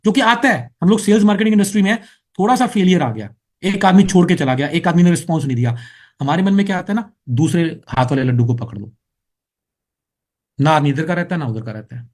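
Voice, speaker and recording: A man's voice: on the high side, darkish tone. A middle-aged man from India giving a preachy motivational training talk that turns to scolding and storytelling. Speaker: business trainer.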